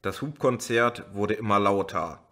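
Guy reading an audiobook real slow, bright clear tone. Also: on the low side. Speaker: audiobook reader. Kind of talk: audiobook narration.

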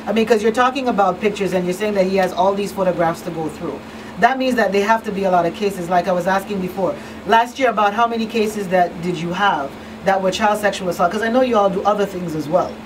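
This middle-aged radio host has a medium-pitched voice and a quick pace. She runs her call-in show informally, interviewing conversationally and thinking out loud, from a small studio where the boom-arm mic picks her up from slightly far away with faint noise.

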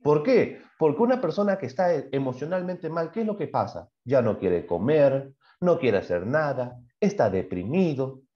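Lively-voiced man teaching online. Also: medium pitch, normal speed, few pauses. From Peru. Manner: asks questions and answers them himself; acts out short quoted voices in examples. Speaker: primary school science teacher. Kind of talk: online class lecture. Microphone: computer mic on a video call. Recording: dull lo-fi video-call audio.

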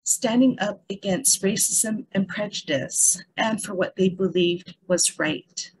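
A woman presents from a script over a video call. She speaks slowly and earnestly, setting out points one at a time. Her voice is slightly breathy and comes across close and dry. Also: medium pitch, dry recording, rough recording. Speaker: meeting presenter.

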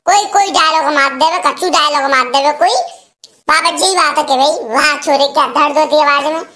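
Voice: high voice, fairly even intonation, normal speed. A performer voicing a boastful, rowdy village man in a comic cartoon, speaking with a Braj rural Hindi accent in a bossy, teasing way. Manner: loud, bossy, teasing, threatening.

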